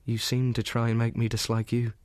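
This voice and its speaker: An actor giving a gentle, earnest reading as a young soldier writing love letters to his sweetheart from the front. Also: medium pitch, completely flat delivery, fairly quick, no echo, natural voice. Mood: tender. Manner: earnest, gentle, softly intimate.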